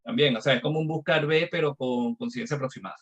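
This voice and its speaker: A man's voice: medium pitch, fast talker, slightly rough, highs cut off. Patient man teaching a data class. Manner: patient, explains step by step with many examples. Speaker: instructor. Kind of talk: live online data class.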